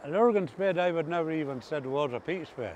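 Recalling farm life for an interviewer, an older Ulster Scots man talks casually in broad rural dialect on a grassy coastal path beside the sea. His voice is on the high side, expressive, fairly quick and a little mellow. The recording is muffled, and the outdoor ambient noise is clear.

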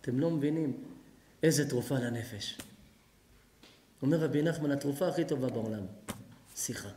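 A rabbi giving a lively sermon, often acting out both sides of imagined conversations. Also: male voice, mid-range voice, a little hiss or hum. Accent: Israeli Hebrew. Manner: animated preaching, acting out both sides of dialogues. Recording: echoey hall.

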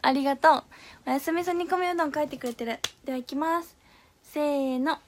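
With slight background noise, a young woman with a high voice chats on a live stream, playful and quick to laugh. She reads out viewers' comments and answers them in a relaxed, chatty way.

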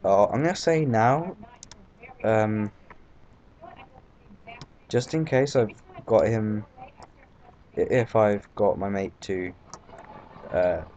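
A man's voice: lowish voice, a little mellow. A man with a British accent giving rambling, casual gameplay commentary, full of fillers and swearing. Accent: British English. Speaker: let's play commentator. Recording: dull lo-fi mic, faint background noise.

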